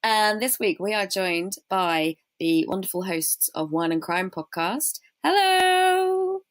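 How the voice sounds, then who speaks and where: A woman's voice: medium pitch, lively intonation, slow. A woman hosting a podcast, presenting its intro in an upbeat way. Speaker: podcast host.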